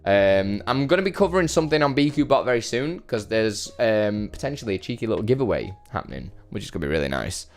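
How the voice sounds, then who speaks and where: A man's voice: fairly low pitch, big pitch swings, fast, few pauses, soft background music. A man chatting casually on a live stream, rambling and self-deprecating as he greets viewers by name and answers their questions. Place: his brother's home.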